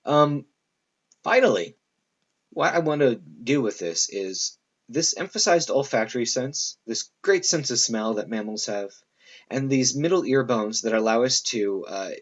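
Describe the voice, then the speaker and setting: A man's voice: mid-range voice, animated, unhurried, lo-fi sound. A man giving a classroom lecture in a loose, conversational way, full of fillers and asides to his students.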